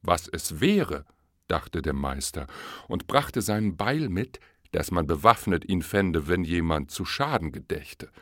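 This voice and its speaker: A man narrating a verse fable as an audiobook, in a measured, expressive storytelling manner. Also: low voice, no echo, studio quality.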